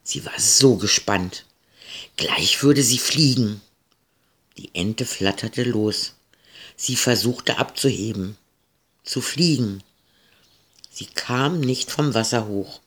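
A man telling a children's story in a slow, gentle storytelling manner. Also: on the low side, slightly rough.

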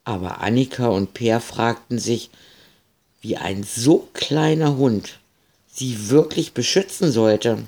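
A man reading a children's story aloud, gentle and expressive. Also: mid-range voice.

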